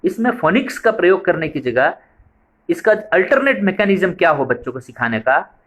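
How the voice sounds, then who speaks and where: A man's voice: sits high, very animated, brisk, fairly bright tone. A man giving a training lecture on a preschool method, explaining step by step and repeating points for emphasis.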